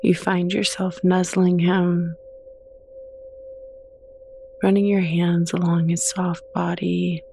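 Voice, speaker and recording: A soft-spoken, gentle meditation guide reading slow, soothing scripted narration with unhurried pauses and a creaky edge. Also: medium pitch, monotone, slight background noise.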